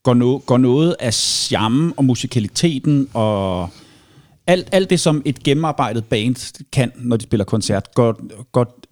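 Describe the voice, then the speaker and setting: A man's voice: medium pitch, animated, a little mellow. A man asking thoughtful questions in a casual conversation. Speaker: interviewer.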